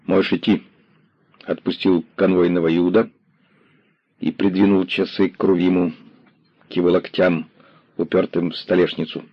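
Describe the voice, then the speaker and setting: Man narrating an audiobook, low, husky, dull dry recording. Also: level tone, normal speed, long pauses, no echo. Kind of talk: scripted narration.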